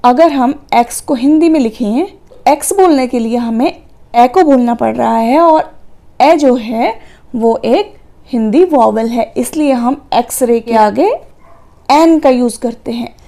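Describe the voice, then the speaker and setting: A woman with an Indian accent teaching a grammar lesson for children, spelling out words letter by letter in a slow, deliberate way. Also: a little high, mellow.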